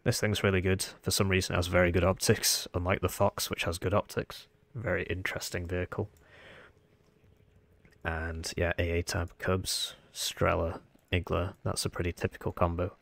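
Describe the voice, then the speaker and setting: A man with a croaky, froggy voice, sounding unwell, giving casual game commentary as he thinks aloud. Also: deep voice, level tone, normal speed, no echo. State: under the weather, sick voice. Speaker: gaming video host.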